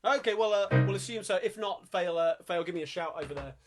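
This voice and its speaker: A man's voice: high voice, quick pace. A man with a London accent hosting a live-streamed singalong, chatting upbeat between songs and breaking into old music-hall numbers. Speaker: singalong host and pianist. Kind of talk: casual live-stream chat with singing. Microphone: home streaming mic.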